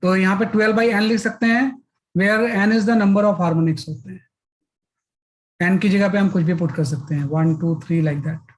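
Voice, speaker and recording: A man's voice: sits high, steady tone, a little slow, rough recording. Man, physics teacher, classroom lecture, explains step by step, frequent check-ins. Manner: explains step by step, repeats filler "है ना".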